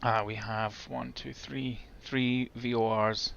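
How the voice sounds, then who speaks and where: A man talks slowly and evenly through a flight simulator session, chatty and thinking aloud. His tone is bright and forceful but stays flat in pitch. The recording is a little dull, with faint noise behind him. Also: gravelly. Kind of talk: casual commentary while gaming.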